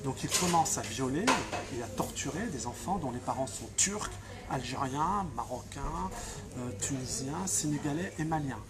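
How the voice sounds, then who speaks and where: A man's voice: mid-range voice, expressive, normal speed, very noisy. A man from Franche-Comté answering interview questions with fiery emphasis, often restarting and repeating himself. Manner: impassioned, emphatic, with frequent restarts and repetitions. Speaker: activist being interviewed.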